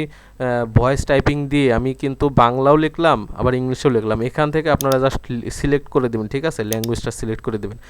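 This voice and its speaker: A young man walks viewers through a computer task in a relaxed, talky way. His voice is smooth and clear at a middling pitch. He keeps checking in with listeners and fills the gaps with small hesitations. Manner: chatty, keeps asking "okay?", many fillers. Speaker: tech tutorial host. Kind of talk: casual screen-recorded software tutorial.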